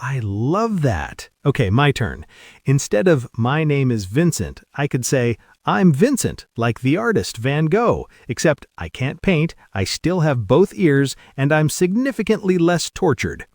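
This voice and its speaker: Animated, comic American man. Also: a little high, measured pace, dry recording, clean studio sound. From United States. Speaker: learner in a lesson dialogue. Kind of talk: scripted conversation lesson.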